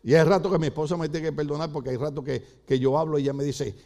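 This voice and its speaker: A man's voice: fairly high pitch, very fast. An older Puerto Rican man preaching a sermon in church, telling comic stories and acting out voices. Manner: animated, comic storytelling with acted-out voices.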